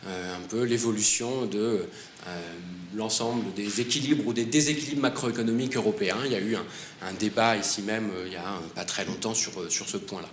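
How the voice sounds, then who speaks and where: In a conference hall, a man with a fairly low, slightly fast voice presents the book he co-authored on an award ceremony panel. He speaks hesitantly, with many fillers and restarts, and the hall sounds roomy with faint noise.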